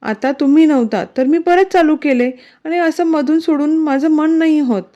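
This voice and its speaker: A shy young wife pleads and grumbles in a slightly raised, mellow voice, as a woman reads her lines. The story is told like a storybook romance. The recording sounds dull and lo-fi. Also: high voice, moderate pace, pitched above the performer's own voice, lightly acted.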